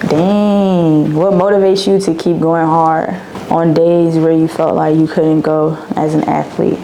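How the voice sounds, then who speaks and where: A woman's voice: on the low side, noisy background. A young woman, chatting casually through a Q&A vlog in a slangy, repetitive way. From Dallas, Texas. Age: 20s. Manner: chatty, slangy, repeats herself. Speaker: vlogger.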